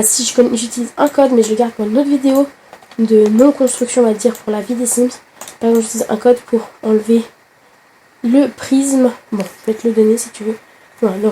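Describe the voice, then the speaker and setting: Hoarse lady with a flu walking you through a game, mellow low tone, chatty, bit higher voice. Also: a little hiss or hum. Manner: chatty, talks straight to the viewer, hesitant fillers. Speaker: gaming tutorial host. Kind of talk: casual game tutorial.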